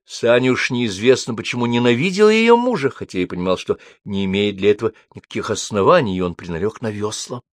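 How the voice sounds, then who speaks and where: A man narrating an audiobook in an expressive way. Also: fairly low pitch, a little fast, hardly any pauses, no room sound, studio quality. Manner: expressive, varied character voices. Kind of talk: audiobook reading.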